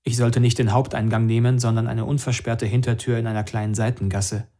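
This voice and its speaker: A man narrating an audiobook in the first person. His delivery is steady and measured, at a middle pitch for a man.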